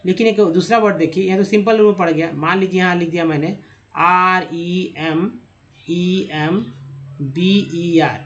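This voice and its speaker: A man's voice: high voice, fairly even intonation, fairly quick, fairly bright tone, muffled recording. A man teaching English pronunciation from slides, spelling out letters one by one and stopping to ask the viewer questions. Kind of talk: slide-based pronunciation lesson.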